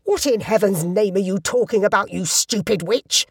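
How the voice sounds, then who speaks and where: A woman voicing a blustering, angry middle-aged man who shouts in high, strained cries during a storybook reading. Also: moderate pace, breathy edge, no echo. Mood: furious. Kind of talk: storybook read-aloud.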